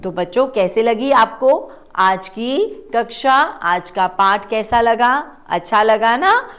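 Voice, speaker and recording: A woman teaching children to read, sounding out words slowly syllable by syllable and asking them to repeat. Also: fairly high pitch, expressive, fairly bright tone. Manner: slow, drawn-out syllable-by-syllable pronunciation. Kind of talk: children's reading lesson.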